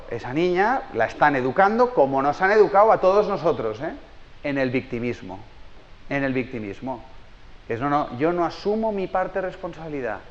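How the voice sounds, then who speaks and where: A man with a Spain Spanish accent giving a live conference talk, telling stories in a casual, colloquial way. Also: medium pitch. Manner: colloquial, lively storytelling with asides. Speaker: speaker. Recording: dull sound in an echoing hall.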